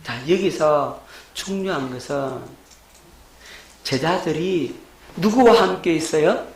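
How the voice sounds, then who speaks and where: A man's voice: a little high, takes it slowly, reverberant, a little hiss or hum, rough recording. A middle-aged male pastor, preaching a lecture-style sermon and asking his congregation questions. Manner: rhetorical questions to the congregation, shouting acted quotes.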